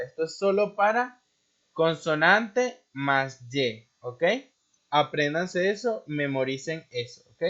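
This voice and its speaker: Male teacher, patient lesson voice, slightly high pitch, muffled lo-fi sound. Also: fairly bright tone. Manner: slow and patient, checks understanding with frequent tag questions. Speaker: English teacher. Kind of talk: recorded classroom lesson. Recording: muffled lo-fi recording.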